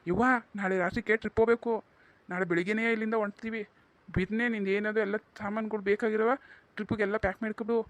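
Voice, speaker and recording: A man voicing a gentle, doting village father. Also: sits high, level tone, quick pace, dry recording, natural voice. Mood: coaxing. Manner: soft, coaxing.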